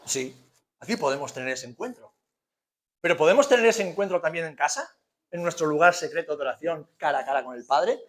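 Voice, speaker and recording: A man's voice: fairly high pitch, animated, a little fast. A man with an accent from Spain preaching a conversational sermon as a pastor, using rhetorical questions, emphatic repetition and colloquial humour. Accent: Spanish from Spain.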